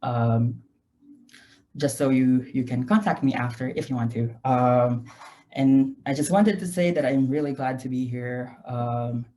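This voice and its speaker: A man's voice: medium pitch, unhurried, mellow. A young adult man with a Filipino accent gives an informal online lecture, mixing Tagalog and English. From Philippines. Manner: mixes Tagalog and English (Taglish). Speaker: guest lecturer, graduate researcher. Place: home room, indoors. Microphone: video call.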